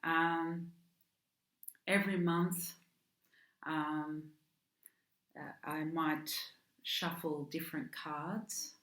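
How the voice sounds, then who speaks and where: A woman's voice: sits low, fairly even intonation, extremely slow, pauses often, fairly bright tone. A woman with an Australian accent giving a casual monthly tarot reading, hesitant, with frequent ums and restarts. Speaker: tarot card reader. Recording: echoey room.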